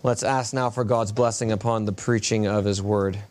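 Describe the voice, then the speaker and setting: A man pastor speaking at a pulpit microphone in a church, reading scripture and praying in an earnest, measured way, with halting fillers in his prayer. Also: lowish voice, fairly even intonation, a little mellow. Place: church sanctuary, indoors.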